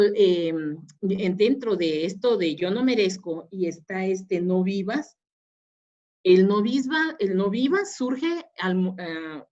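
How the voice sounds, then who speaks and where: A woman lectures on a webinar as a psychologist. She explains things step by step, often pausing on fillers and restarting her sentences. Her voice sits in a middle pitch and comes through muffled, lo-fi audio. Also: a little mellow.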